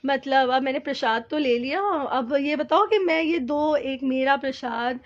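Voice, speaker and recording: Woman, high-pitched, earnest, halting, filler-heavy, devotional testimony, muffled lo-fi sound. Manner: earnest, halting, many fillers, mixes Hindi with English words. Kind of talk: personal spiritual testimony.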